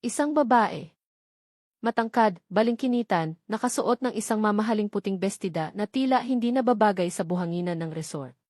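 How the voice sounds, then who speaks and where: A woman narrates a romance audiobook in a dramatic, scripted style, her medium-pitched voice animated and somewhat dark in tone at a moderate pace. The recording is close and dry.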